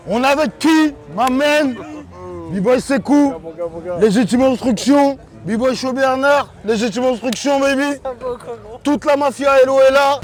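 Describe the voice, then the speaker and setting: A man doing hyped street interviews at an outdoor festival, exuberant and hype-man loud. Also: very high voice.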